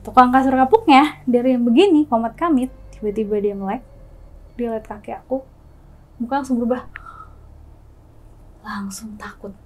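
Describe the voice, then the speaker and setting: A woman's voice: a little high, normal speed, long pauses, a little hiss or hum. A woman guest telling her own experience in a casual chat, acting out the scenes with quoted dialogue. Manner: lively, acts out scenes with gestures and quoted dialogue.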